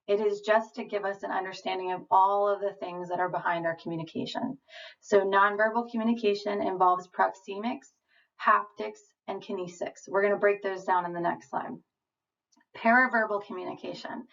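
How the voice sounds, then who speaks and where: Lady trainer explaining slides, calm and reassuring, middle pitch, sounds far off and muffled. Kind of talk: recorded training lecture over slides. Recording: distant, dull lo-fi voice.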